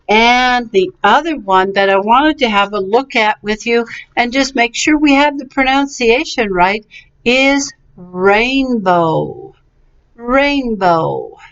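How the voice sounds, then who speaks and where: A woman teaches pronunciation at a very slow, deliberate pace, drawing out each syllable and praising often. Her voice sits a little high and sounds slightly dull and lo-fi, like a webcam recording. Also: fairly bright tone, clear, resonant tone. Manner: patient, encouraging, drawn-out syllables. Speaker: English teacher. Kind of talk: slow, clearly enunciated vocabulary and pronunciation lesson.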